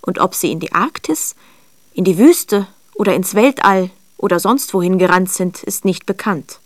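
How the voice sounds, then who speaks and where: A woman's voice: fairly low pitch, normal speed, no echo, studio quality. Woman reading a children's story. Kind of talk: scripted storybook narration. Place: recording studio.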